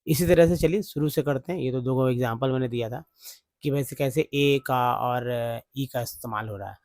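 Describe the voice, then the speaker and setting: A man teaching English spelling and pronunciation, slowly sounding out each letter and repeating words many times. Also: mid-range voice, darkish tone, no echo.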